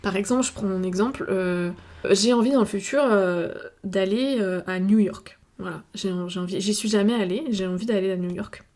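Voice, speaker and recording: A woman's voice: mid-range voice, moderate pace, darkish tone. A woman from France with a French accent, talking casually to her viewers and thinking aloud, with many fillers and restarts. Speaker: video creator. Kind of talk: casual reflective monologue to camera.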